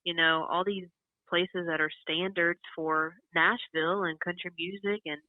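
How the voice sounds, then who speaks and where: A country singer from North Carolina talking on a telephone line in a casual interview, chatty and quick to laugh. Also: female voice, fairly low pitch, fairly even intonation, no echo. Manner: chatty, laughs often between points. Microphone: phone. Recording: dry, tinny telephone line.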